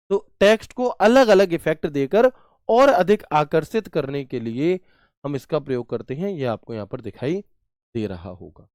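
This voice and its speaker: A man's voice: fairly high pitch, darkish tone, dry recording, studio quality. A man teaching a computer class online, chatty, asking questions and answering them himself with homely examples.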